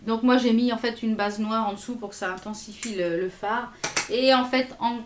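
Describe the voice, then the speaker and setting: A woman's voice: fairly high pitch, fairly even intonation, moderate pace. Chatty woman vlogger in an echoey room. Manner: chatty, hesitant with many fillers, swatching products on her arm. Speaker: beauty vlogger. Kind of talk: casual makeup haul chat.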